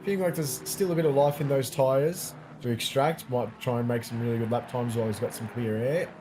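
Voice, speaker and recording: A man co-commentating a live race, calmly explaining incidents and pit strategy. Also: medium pitch, background noise. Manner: measured, explanatory, calm analysis. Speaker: sim racing co-commentator.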